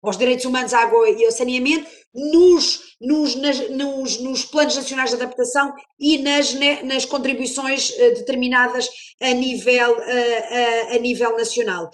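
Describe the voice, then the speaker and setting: A woman giving a semi-formal presentation, halting as she searches for words. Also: high voice, fairly even intonation. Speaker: workshop speaker. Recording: roomy, echoing sound.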